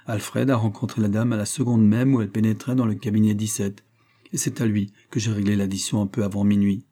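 A man giving a steady, measured reading of a crime novel as an audiobook narrator. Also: lowish voice.

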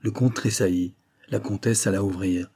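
Un homme qui lit à voix haute un roman policier en faisant les voix des personnages. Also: male voice, on the low side, steady tone, mellow, husky. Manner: measured storytelling, voices the characters. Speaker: audiobook narrator. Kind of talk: reading a detective novel aloud.

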